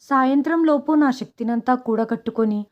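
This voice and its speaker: Lady reading out a dramatic story, kinda high voice, muffled lo-fi audio. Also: moderate pace. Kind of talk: first-person story narration. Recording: dull lo-fi audio.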